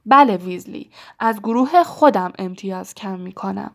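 A woman's voice: mid-range voice, animated, natural voice. A woman voicing a strict older female professor who scolds sharply in a storybook reading. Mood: angry.

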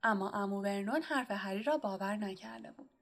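A woman narrating an audiobook in a steady, measured reading style. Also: medium pitch. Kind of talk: scripted storybook narration.

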